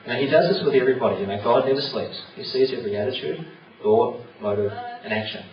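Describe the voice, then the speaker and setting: A man's voice: medium pitch, animated, fast, a crowd in the background. Earnest male church speaker, chatty sermon delivery; distant, dull, echoey recording. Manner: earnest, conversational, many fillers. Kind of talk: evangelistic church talk. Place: church hall. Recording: roomy, distant, dull with noise.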